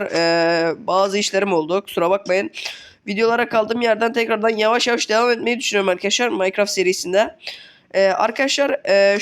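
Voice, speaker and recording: A man's voice: very high voice, a bit bright. A man with a sick, worn voice giving casual let's play commentary, chatty and casually swearing as he keeps talking to his viewers. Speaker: gaming channel host.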